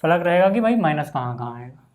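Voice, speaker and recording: A man teaching a maths lesson in a relaxed, chatty way, often saying "okay" and calling his students "brother". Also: a little high, quick pace. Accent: Hindi. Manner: casual, repeats "ठीक है" and "भाई" often. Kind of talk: screen-recorded maths lesson.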